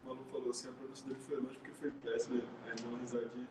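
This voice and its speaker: A man answering as a student in a class, casual and flat, with a Brazilian Portuguese accent. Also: mid-range voice, rapid-fire. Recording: distant, echoey, noisy audio.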